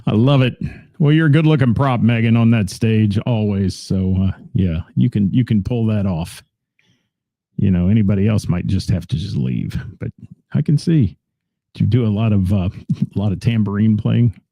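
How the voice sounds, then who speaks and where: A man's voice: on the low side, normal speed, vocal fry, warm tone, no room sound. A man hosting a local radio show in a rambling, chatty, self-deprecating way, greeting listeners and talking about gigs. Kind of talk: casual radio chat reading listener comments.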